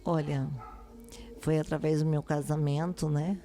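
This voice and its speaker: A woman pastor from Brasília, telling her life testimony slowly and earnestly in a podcast interview. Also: sits low, level tone, mellow. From Brasília, Brazil. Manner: slow, earnest, devout phrasing.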